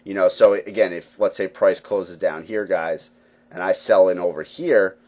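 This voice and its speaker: A man's voice: deep voice, fairly even intonation, normal speed, darkish tone. A man hosting a live trading webinar, explaining charts in a conversational way with lots of fillers and check-ins with viewers. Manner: conversational, many fillers and "right, guys?". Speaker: forex trading webinar host. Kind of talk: live webinar teaching, casual.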